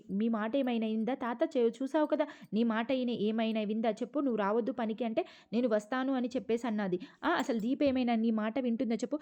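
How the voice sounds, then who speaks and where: A woman voicing an angry, jealous young woman from a TV serial who complains in shrill, accusing bursts. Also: dark tone, highs cut off, close to an everyday voice. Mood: resentful.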